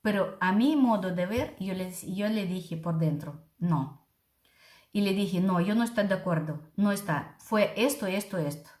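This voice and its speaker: A woman's voice: medium pitch, measured pace, darkish tone, reverberant. A middle-aged woman, a missionary preacher, sharing a heartfelt personal testimony with her congregation. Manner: earnest, heartfelt, addresses listeners as brothers and sisters.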